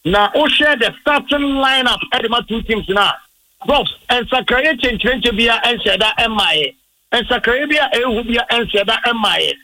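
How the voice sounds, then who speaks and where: A man from Ghana reports live for radio from a stadium crowd. His voice sits high and sounds bright and sharp. He keeps a brisk reporting pace, with English phrases slipped into the commentary. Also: no echo, rough recording. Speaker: field reporter.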